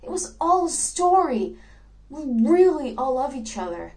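A woman playing a dreamy, idealistic young actress in a theatrical monologue, telling her story earnestly with soft laughs. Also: high-pitched, sing-song, unhurried, full character voice, rough recording. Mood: excited.

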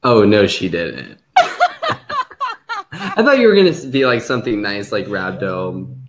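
A man's voice: on the low side, wildly swooping pitch, slow pace, background noise. A man hosting a casual live stream, playful and laughing often. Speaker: host.

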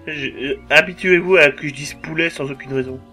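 A man's voice: a little high, bright, forceful tone. A man giving casual let's-play commentary over a game, jokey and crude, swearing often and humming along.

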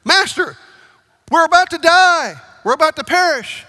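A man's voice: very high-pitched, lively intonation, moderate pace, in a large hall, pitched above the performer's own voice, heavily acted. A man acting out panicked male disciples crying out in a storm. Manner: shouting, frantic.

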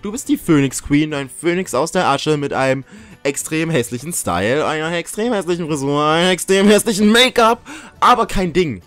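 A young man talks his viewers through a game in a loose, joking way, his pitch bouncing all over the place. He yelps and curses when something catches him off guard. Faint game music plays underneath. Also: moderate pace. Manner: excitable, jokey, swears and yelps when startled. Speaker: gaming YouTuber. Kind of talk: casual let's-play commentary.

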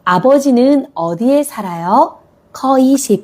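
A woman's voice: normal speed, warm tone. A woman teaching a Korean language lesson, speaking patiently and encouragingly as she models example sentences.

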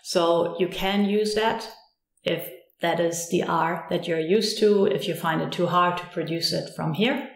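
A German woman with a German accent teaches pronunciation, unhurried and patient. Her low voice has a gravelly edge. The room gives it a roomy echo. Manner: patient, clear, modelling words slowly. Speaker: language teacher. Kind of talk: pronunciation lesson.

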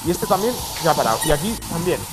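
A man doing excitable gameplay commentary, bursting into shouts and laughs between mumbled asides. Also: a little high, fast, noisy background. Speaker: gaming video host. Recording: music playing behind.

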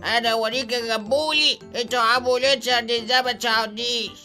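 A mischievous male ghost bent on revenge gloats and taunts in an Egyptian accent, as a man acts him out. His voice is sharp and very bright, and faint game music plays under it. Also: very high voice, steady tone, quick pace, exaggerated voice. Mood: taunting. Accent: Egyptian Arabic. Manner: boastful, taunting, greedy glee. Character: mischievous vengeful male ghost, hurt leg. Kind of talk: game-video role-play.

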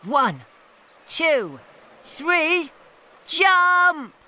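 A woman voicing a playful, clever young hero in a children's cartoon, with a slow sing-song delivery. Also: extremely high pitch, very animated, pushed and bright, full character voice.

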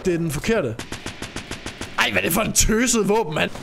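High-voiced, excitable young male streamer. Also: gravelly, over loud music. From Denmark. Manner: excitable, yelps and shouts at the game. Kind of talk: live gaming commentary. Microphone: talking very close to the microphone.

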